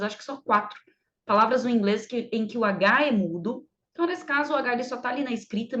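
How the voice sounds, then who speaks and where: A woman English teacher with a fairly high voice explains grammar in a chatty way, stretching out each English example slowly. The recording sounds a little dull and lo-fi. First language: Portuguese.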